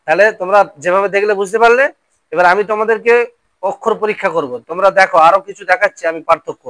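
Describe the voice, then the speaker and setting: A man's voice: high voice, fast, fairly bright tone, no echo. A male Quran reading teacher drilling Arabic letter sounds and quizzing pupils in a classroom lesson.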